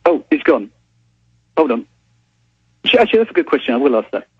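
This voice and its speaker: A man's voice: on the high side, big pitch swings, a little fast, breathy edge. An English man calling in by phone from a police station, flustered, apologetic and wry. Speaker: reporter calling in. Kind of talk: phone interview. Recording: dull phone line, noisy crowd.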